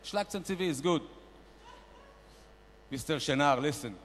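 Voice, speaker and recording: Expressive and measured in pace, a man performs a pushy character bit at a panel, posing as a brash investor called a shark who loudly dispenses bossy, mock-grand sales advice. The recording carries the echo of a large conference hall.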